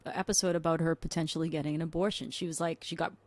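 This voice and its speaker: A woman's voice: sits low, steady tone, fast talker, no echo. A woman co-hosting a podcast in casual chat, rambling with many restarts and fillers. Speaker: podcast co-host.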